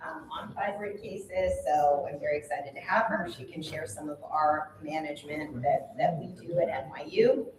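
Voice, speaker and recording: A woman moderating a conference panel, introducing it with polite, formal courtesy and enthusiasm. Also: on the low side. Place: conference room with PA. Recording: echoey room, distant microphone.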